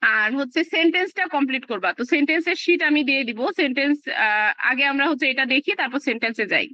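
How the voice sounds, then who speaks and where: A woman teaches a live class over a video call, walking through each point with many fillers. Her voice is high and bright. The sound is dry and a bit dull. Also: fast talker, no echo. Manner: chatty, explains step by step with many fillers.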